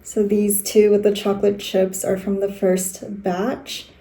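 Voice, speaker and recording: A young woman talks her viewers through a cozy day at home in an easy, chatty way. Her voice sits at a middle pitch and she slips in small laughs as she goes. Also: unhurried. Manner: relaxed and chatty, with light laughs. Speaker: vlogger. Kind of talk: casual vlog chat. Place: small apartment kitchen and home.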